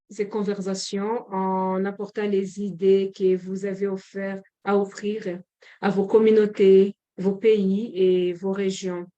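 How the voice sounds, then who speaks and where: A Rwandan woman, a government representative, delivers a formal closing speech at a forum. She speaks in a measured way at a medium pitch with a dark tone, pausing and hesitating frequently.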